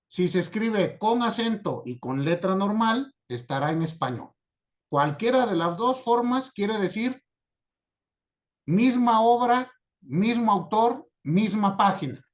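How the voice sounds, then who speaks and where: Slow, high-voiced male teacher. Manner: slow, patient, checks understanding often. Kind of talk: recorded lecture on citation format.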